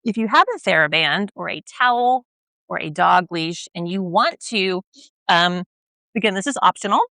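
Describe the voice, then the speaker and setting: A young woman guiding a stretching routine, gentle and patient, often checking in with the listener and a little out of breath as she stretches along. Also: on the low side, normal speed, creaky, no room sound. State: slightly out of breath while stretching. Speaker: stretching instructor. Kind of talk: guided exercise instruction.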